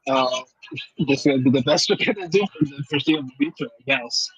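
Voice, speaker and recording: A man co-hosting a casual podcast discussion from his car over a glitchy, buzzy call line that keeps cutting out, admitting things grudgingly and haltingly. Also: fairly bright tone, slightly rough, dry recording. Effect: buzzy, glitchy call audio that cuts out. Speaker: podcast co-host. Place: in a car while driving. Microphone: remote call. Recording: muffled, low-fi call line.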